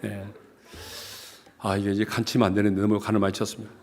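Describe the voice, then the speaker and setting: A man from South Jeolla, Korea, preaching a revival sermon as pastor in a joking, animated way. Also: on the low side, quick pace.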